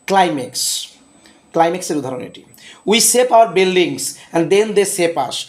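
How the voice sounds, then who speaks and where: A middle-aged man teaching English for an exam, reading each example slowly before he explains it. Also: high voice, animated. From India. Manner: reads English examples slowly and deliberately, then explains briskly. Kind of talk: exam revision lesson.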